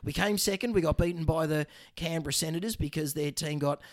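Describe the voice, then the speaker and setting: Casting: Australian male podcast host, slightly higher pitch, matey and jokey, casual delivery. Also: fairly quick. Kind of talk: casual chat.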